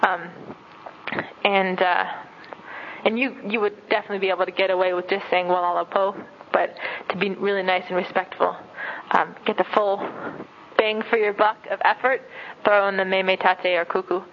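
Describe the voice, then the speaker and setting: A woman of average pitch talks through a relaxed language lesson from her home. She drifts between chatty asides and slow, careful repetition of each word, filling gaps with plenty of ums. The recording sounds dull and lo-fi. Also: a little hiss or hum. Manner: chatty, many fillers, repeats words slowly. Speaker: language teacher. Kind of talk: casual spoken language lesson.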